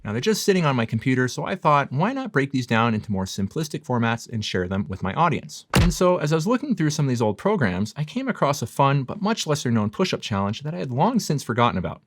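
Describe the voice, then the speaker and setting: A man's voice: mid-range voice, big pitch swings, fast, hardly any pauses. A man presenting as a fitness coach, giving a scripted explainer in an emphatic, upbeat, self-deprecating way. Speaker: fitness coach and video host.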